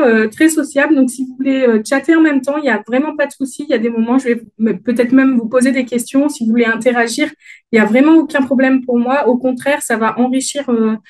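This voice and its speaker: A woman with a Dauphinois accent presents a conference talk from her slides. Her voice sits a little high. She is friendly and often hesitates, filling pauses and restarting her sentences. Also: fairly even intonation, a little mellow, poor audio. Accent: Dauphinois French. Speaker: conference speaker.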